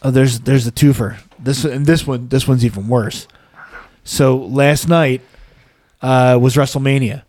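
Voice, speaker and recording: A man's voice: mid-range voice, fairly even intonation, unhurried, a little mellow, no echo. A man co-hosting a podcast, telling long self-mocking anecdotes in a casual, chatty way. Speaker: podcast co-host. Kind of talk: casual chat, storytelling. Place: podcast studio. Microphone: podcast mic.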